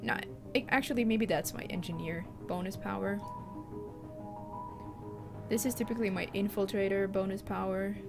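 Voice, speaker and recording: This let's-play streamer, a Swedish-speaking woman from Finland, chats casually and thinks out loud while gaming. Her mid-range voice is gravelly, her pace moderate with long pauses, and game music plays underneath.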